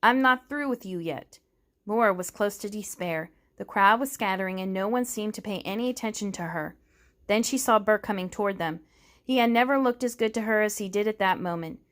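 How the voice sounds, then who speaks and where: A woman reads a novel aloud with steady, measured narration. Her pitch sits in the middle range. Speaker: reader.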